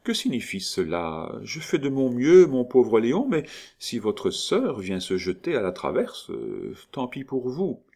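A man putting on a mocking high-pitched countess. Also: unhurried, vocal fry, heavily acted. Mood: teasing. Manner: lively, mocking, raises pitch sharply. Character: mocking high-society countess, bold and teasing.

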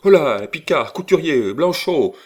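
A man voicing a shrill, indignant old woman chaperone in an audiobook, with screeching outbursts. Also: sing-song, unhurried, husky, heavily acted. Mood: shrill outrage. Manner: screeching, outraged exclamations.

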